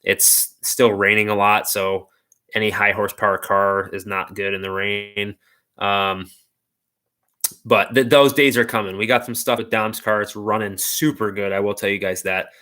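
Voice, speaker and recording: Young male host, lowish bright voice, loose laid-back live-stream chatter full of fillers. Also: steady tone, normal speed. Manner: loose, rambling, heavy on "like" and "dude". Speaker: car channel host. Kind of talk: casual live stream chat.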